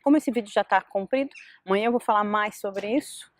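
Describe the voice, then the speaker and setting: A middle-aged woman casually giving advice in a vlog, telling stories in an animated way. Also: mid-range voice, brisk. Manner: lively, animated storytelling with quoted dialogue. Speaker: vlogger.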